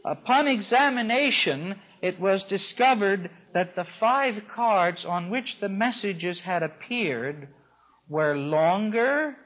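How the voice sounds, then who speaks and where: A man's voice: sits high, expressive, takes it slowly, a bit bright. A man giving a storytelling lecture to an audience, in a wry, dryly amused way. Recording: dull lo-fi recording.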